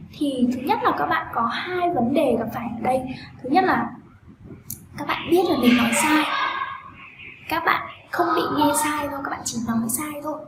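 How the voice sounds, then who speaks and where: Woman teacher drilling sounds in an echoey room. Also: high-pitched. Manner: drills sounds in loud repeated bursts. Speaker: English teacher. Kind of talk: pronunciation lesson. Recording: echoey room with steady background noise.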